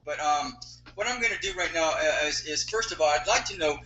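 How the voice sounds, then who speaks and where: A man hosting a live call-in show over a speakerphone, halting and often repeating his words as he restarts. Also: a little high, highs cut off, loud music behind the voice. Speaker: host. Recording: roomy speakerphone echo, faint hiss.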